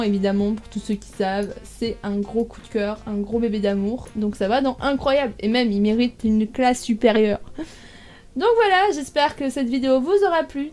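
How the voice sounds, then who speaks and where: Chatty young woman with a mellow voice. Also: a little high. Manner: chatty, thinks aloud with many fillers. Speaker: YouTuber ranking manga. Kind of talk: casual tier list commentary.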